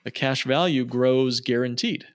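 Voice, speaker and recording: Speaking unhurriedly, a middling-pitched financial planner guests on a podcast, making his points conversationally and persuasively and using repetition for emphasis. The sound is very dry, with little room.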